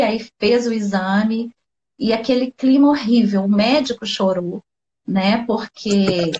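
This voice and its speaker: A woman with a Brazilian Portuguese accent, a guest sharing a personal story with heartfelt emotion on a video call, often saying "né" and "sabe". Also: fairly high pitch. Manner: heartfelt, tearful at times, fills speech with "né" and "sabe". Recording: dull lo-fi live stream audio.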